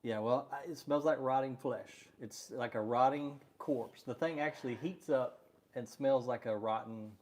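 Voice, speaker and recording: A man's voice: medium pitch, moderate pace, darkish tone, slight background noise. A middle-aged man co-hosting a live stream, chatting casually and rambling with easy laughter. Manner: easygoing, rambling, laughs often.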